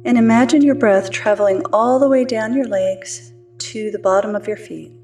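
A woman gently and soothingly guiding a calm, grounding meditation exercise as a host, in an unhurried way. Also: medium pitch, distant mic, soft background music. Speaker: host of a wellness podcast.

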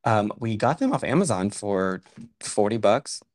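Lowish-voiced man, rambling podcast host. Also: expressive, a little slow, darkish tone. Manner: rambling, heavy use of "like" and "um". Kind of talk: casual podcast chat. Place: room in a house. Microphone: condenser microphone.

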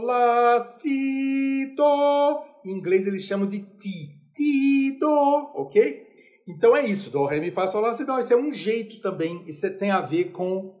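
A man's voice: high voice, a little mellow. A Brazilian man giving a chatty, informal music lecture. He is self-deprecating and sings note names aloud. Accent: Brazilian Portuguese.

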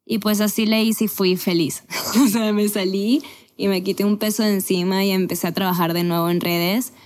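A woman's voice: mid-range voice, fairly even intonation, moderate pace, a little mellow. Podcast guest: woman in her twenties from Venezuela, candid and chatty, mid-range voice. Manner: candid, chatty, with laughs and self-corrections. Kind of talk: casual conversational storytelling.

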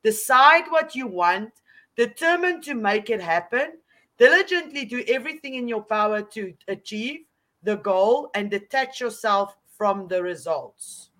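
A woman's voice: fairly high pitch, expressive, a little slow, fairly bright tone. A woman co-hosting a casual live show, sharing an inspirational message with enthusiasm. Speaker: co-host. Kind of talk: casual live-stream chat.

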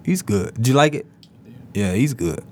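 A man's voice: medium pitch, lively intonation, normal speed, darkish tone. Laughing, joking podcast co-host man. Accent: Detroit-area American. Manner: joking, laughs often, trails off. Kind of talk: casual banter. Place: podcast studio.

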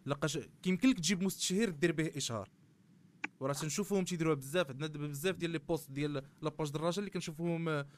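A man's voice: on the high side, very fast, a little hiss or hum. A man with a Moroccan accent giving analysis in a panel discussion, often dropping French terms into his speech. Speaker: guest commentator on football club marketing.

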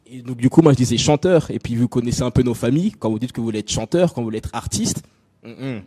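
A man's voice: mid-range voice, quick pace, dark tone, slightly rough. A young adult man from France giving a personal talk to an audience, direct and chatty with many fillers. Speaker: invited speaker. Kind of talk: conference talk on stage.

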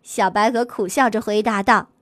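A woman reading a children's story aloud in a slow, expressive way. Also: mid-range voice, no room sound, clean studio sound.

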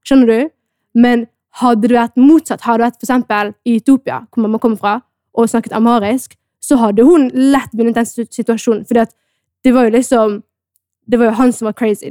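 A young woman with a Bergen Norwegian accent, co-hosting a podcast and telling stories in animated, casual chat with English words mixed in. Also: a little high, no room sound, clean studio sound. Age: young adult. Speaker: podcast co-host.

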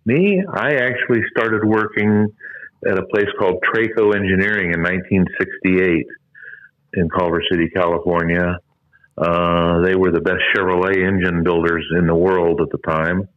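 A man's voice: sits low, steady tone, moderate pace, no room sound. An older man in his seventies, a retired engine builder, recalls his career over a bad phone connection that sounds glitchy and muffled. He rambles with many fillers and trailing asides. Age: 70s. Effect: muffled glitchy phone line from a bad connection. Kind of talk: phone interview recollection. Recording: dull lo-fi phone call audio.

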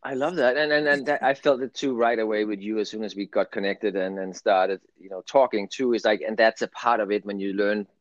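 A middle-aged Danish man with a Danish accent is a guest on a spiritual channel, talking earnestly and ramblingly in a casual spiritual conversation. His voice is fairly low and brisk, with hardly any pauses. The recording is muffled with no echo.

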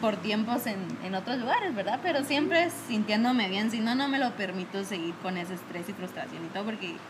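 A young woman, casually telling animated stories about bad bosses and peppering them with "¿verdad?". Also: mid-range voice, brisk, noisy background. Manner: animated storytelling, acts out her bosses' scolding; frequent fillers like "¿verdad?" and "va". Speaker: guest telling work stories. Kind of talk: casual chat.

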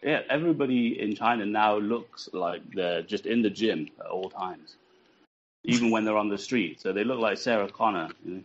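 A low-voiced man with a faint northern English lilt rambles through a loose podcast chat, joking at his own expense with plenty of hesitant restarts. His voice comes over dull and lo-fi, like a remote call. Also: normal speed, slight background noise. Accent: mild northern English. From born in Switzerland, raised partly in Britain and the US. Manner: rambling, hesitant, self-mocking. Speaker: podcast guest.

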